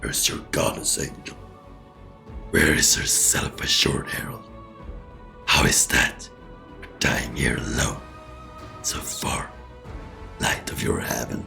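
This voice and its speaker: Gravelly demon lord in a demonic double voice. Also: male voice, very deep voice, slow pace, pauses often, pushed and bright, soft background music, voice pushed down, full character voice. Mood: taunting. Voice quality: gravelly, growling. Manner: taunting, mocking. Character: menacing male demon lord, ancient and cruel.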